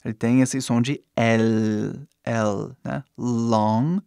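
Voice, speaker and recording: Male English teacher, native English speaker, patient and encouraging, demonstrates sounds; dry close mic, mid-pitched. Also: steady tone, creaky, darkish tone, no room sound. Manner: patient, reassuring, repeats sounds slowly to demonstrate. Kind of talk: language lesson.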